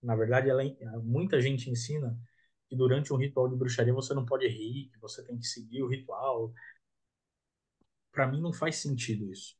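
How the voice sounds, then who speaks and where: A man's voice: medium pitch, steady tone, moderate pace, darkish tone, husky. A man, a guest in a casual podcast conversation, talking in a reflective way and often ending thoughts with a questioning tag. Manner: reflective, tags thoughts with 'né?'.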